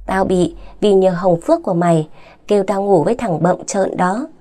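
A woman's voice: medium pitch, moderate pace, warm tone, close to an everyday voice. A woman narrator voicing a bitter young wife who answers back with raised, indignant lines. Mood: angry hurt. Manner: indignant, rising and heated.

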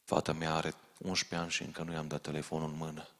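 Deep-voiced preacher. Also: male voice, monotone, a bit bright. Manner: urgent, direct warnings to the congregation. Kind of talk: sermon. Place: large church hall. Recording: long reverb of a church hall.

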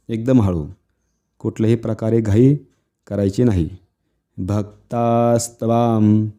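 A man teaching children Sanskrit pronunciation, chanting verse lines slowly and repeating them, with quicker plain explanations in between. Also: on the low side, dark tone. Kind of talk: recitation lesson for children.

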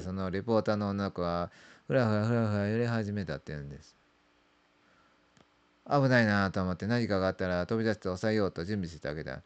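Deep-voiced man telling a creepy ghost story. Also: smooth. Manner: creepy storytelling with drawn-out words, repeated phrases and trailing sentence ends. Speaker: amateur ghost story teller. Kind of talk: spooky ghost story narration imitating a veteran storyteller. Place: small dark room indoors.

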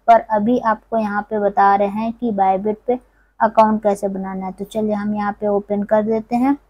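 A woman from India, host of a tech tutorial channel, walks viewers step by step through an app in a conversational voice-over on a screen recording. Her voice is medium-pitched with a darkish tone, and the audio is poor, though there's no echo.

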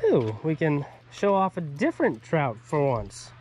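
This is a laid-back, foul-mouthed angler in his thirties talking casually for his outdoor fishing vlog, with a voice on the high side, darkish in tone, swinging widely in pitch at an unhurried pace. He's outdoors beside a river, woods and a pond, recorded on an action camera either on his body or at arm's length, so the outdoor sound has a faint ambient hum.

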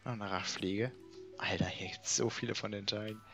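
A man's voice: on the low side, fairly even intonation, normal speed, bright, forceful tone, faint music behind. A man casually commenting while playing a game, chatty and muttering to himself. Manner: chatty, muttering, swears and laughs. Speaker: let's play gamer.

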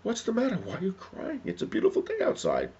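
A man's voice: sits high, huge pitch swings, fast, dull audio, slight background noise, voice pushed up. A man voicing a kindly woman who stops to comfort a crying stranger. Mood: concerned. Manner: gently concerned.

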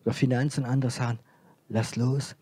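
A male preacher with a French accent delivers a sermon in a dark, husky voice. He moves between hushed, almost whispered lines and loud, insistent repetition, recorded dry and close. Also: medium pitch, flat delivery, brisk, no echo.

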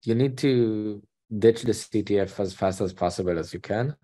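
A man's voice: fairly low pitch, normal speed, mellow. A man with an Israeli accent, a panelist on a video call, explaining plainly and earnestly in casual chat. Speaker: panelist, bug bounty hunter.

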